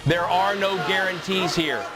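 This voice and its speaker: A man's voice: high voice, a little slow. An American man addressing recruits as a military instructor, in stern, commanding drill sergeant phrases. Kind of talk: formal motivational speech to recruits. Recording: loud music over the speech.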